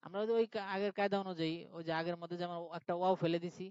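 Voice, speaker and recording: Male teacher, live online lesson, patient step-by-step explaining, fairly high voice, muffled lo-fi sound. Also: steady tone, racing, a little mellow, clear, resonant tone, no room sound. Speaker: Arabic grammar teacher. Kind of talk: live online class lecture.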